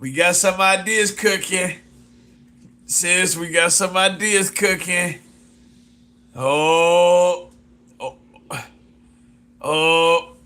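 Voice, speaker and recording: A man with a high, bright, forceful voice chats casually and unhurriedly with his viewers. He talks loosely, circles back over the same phrases and keeps addressing someone as "sis". Excited whoops and chuckles break up his talk. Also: very slow, pauses often. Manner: exclamatory whoops and laughs. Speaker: fashion designer pitching his brand. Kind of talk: casual live chat with viewers.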